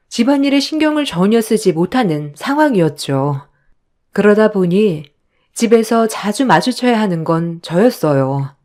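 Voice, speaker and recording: A woman's voice: mid-range voice, mellow. A woman narrating a first-person family story in a confiding way.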